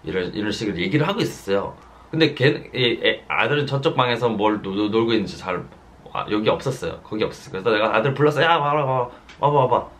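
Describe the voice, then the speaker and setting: A pastor preaching a sermon, telling a story earnestly and repeating phrases for emphasis. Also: male voice, lowish voice, animated, fairly bright tone, a little hiss or hum. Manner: slows down to stress quoted words.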